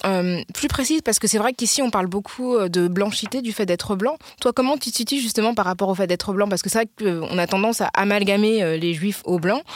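A woman's voice: medium pitch, no echo. Woman asking probing questions, dry sound. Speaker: interviewer. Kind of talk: casual interview.

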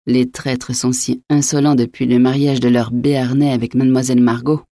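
A woman's voice: rumbling low, little pitch movement, normal speed, dark tone, no echo, studio quality. A woman voicing a cool, mocking innkeeper. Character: impertinent, phlegmatic male innkeeper, mocking. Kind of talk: audiobook reading.

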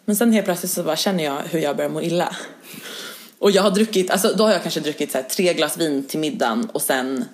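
A young woman in casual chat, telling a story with lots of fillers and acting out what she and others said. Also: low voice. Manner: lively storyteller who acts out her own quotes, full of fillers.

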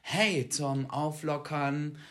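A man co-hosting a casual chat podcast, telling stories in a lively way that swings between loud and quiet, with self-deprecating asides. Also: fairly high pitch, very slow. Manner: animated storytelling, jumps between loud and quiet. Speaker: podcast co-host.

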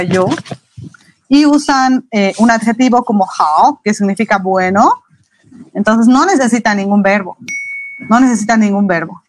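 A woman's voice: fairly high pitch, slight background noise, rough recording. Patient woman teaching Mandarin basics. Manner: patient, explains slowly with repeated examples. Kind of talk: live online language lesson.

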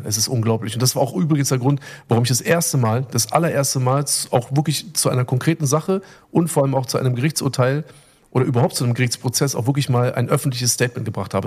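Middle-aged guy rambling through a story, lots of ums, average pitch, gets emotional. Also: darkish tone. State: recovering from illness. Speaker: podcast co-host. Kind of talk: casual chat.

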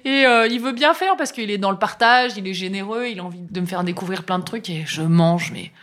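Brisk and a bit bright, at medium pitch, a middle-aged woman recounts something that happened to her. The talk is chatty and filler-heavy, with quoted exchanges acted out.

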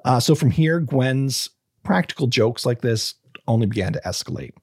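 A man with a husky, slightly breathy voice tells a true crime story in a casual podcast chat. He reads from notes, trips over words and restarts, then breaks off into loose asides. The sound is close and dry, with no room around it. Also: medium pitch, lively intonation, normal speed, darkish tone, dry recording. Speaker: podcast host telling a true crime case.

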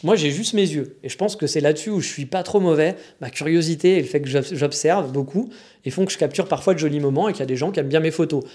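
A man's voice: fairly high pitch, quick pace, a little mellow. A man from France with a French accent, talking in a rambling, frank, slangy casual monologue. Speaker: vlogger living in Japan.

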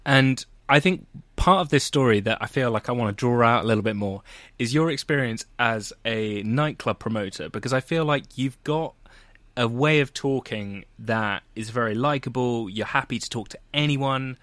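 A man's voice: mid-range voice, normal speed, a bit bright, dry recording. A man hosting a podcast, introducing his guest with upbeat enthusiasm. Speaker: podcast host. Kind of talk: podcast interview.

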